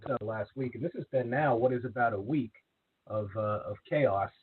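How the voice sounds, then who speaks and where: Husky man on a dropping call line with uneven volume. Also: mid-range voice. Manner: halting, restarts phrases often. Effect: connection cutting out, volume rising and dropping. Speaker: talk radio host. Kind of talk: live online talk radio commentary. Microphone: remote call connection. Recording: tinny phone-like call line.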